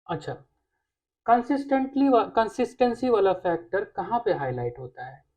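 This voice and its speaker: A woman teaching a language lesson, explaining patiently and pausing on "okay" between points. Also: mid-range voice, sing-song, warm tone. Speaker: French teacher.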